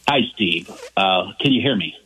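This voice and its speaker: A man's voice: sits low, animated, normal speed, pushed and bright, husky. A man from South Carolina phoning in to a call-in radio show, his voice coming through a phone line as he methodically lays out his questions point by point. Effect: voice heard over a phone line on the radio. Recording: tinny narrow-band phone line.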